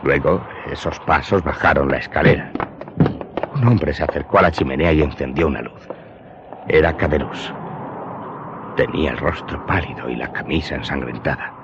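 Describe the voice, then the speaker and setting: Voicing a Corsican smuggler who became a servant, an actor with an extremely low voice confesses the character's story in a radio drama. The telling is grave, humble, deferential and deliberate, carrying a haunted feeling. Background noise and prominent music leave the audio muffled.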